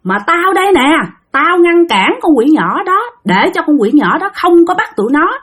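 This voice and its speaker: A shrill, enraged male spirit howls accusations in a Southern Vietnamese accent, as a woman puts him on in a spoken ghost story. The voice leaps high and swings wildly, with a breathy, husky edge. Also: animated, brisk. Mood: furious. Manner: screaming, scolding, accusing. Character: furious vengeful male spirit possessing a boy.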